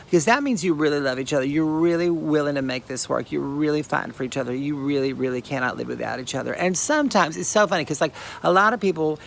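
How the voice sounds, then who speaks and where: A man with a somewhat high, gravelly voice records a personal video message from inside a trailer. He rambles warmly and effusively, piling on encouragement and advice. A faint hiss sits under his voice. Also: fast talker, hardly any pauses. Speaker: sender of a video greeting.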